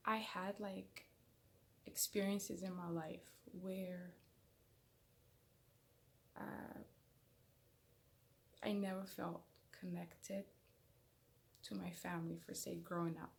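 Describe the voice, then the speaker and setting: With a lowish, level voice that turns creaky, this young Somali woman takes her time and pauses often. She's a channel host chatting casually to camera in a small room indoors, the camera in front framing her head and shoulders, and she rambles self-consciously with frequent fillers and restarts.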